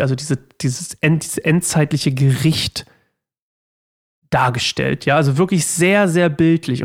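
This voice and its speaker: A man hosting a daily Bible study show, reading scripture aloud and then talking it through in a rambling, chatty way full of fillers. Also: fairly high pitch. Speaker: Bible study podcast host. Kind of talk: casual Bible commentary.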